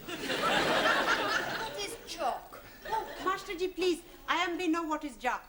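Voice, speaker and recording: A puzzled, earnest student. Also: female voice, very high voice, very animated, takes it slowly, a loud crowd, heavy background noise, full character voice. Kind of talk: 1970s sitcom acting.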